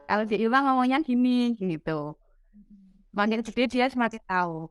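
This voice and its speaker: Candid mother in casual chat, fairly high smooth voice, dry close recording. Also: normal speed, no echo. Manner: candid, self-deprecating, quotes her child. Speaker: parent sharing experience.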